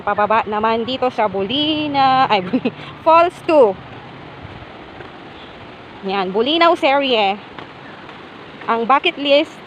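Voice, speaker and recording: A woman's voice: on the high side, highs cut off. A woman vlogging casually while walking outdoors at waterfalls, chatty and exclaiming, laughing often. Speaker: travel vlogger. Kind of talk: casual travel vlog narration. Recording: loud rushing waterfall noise outdoors.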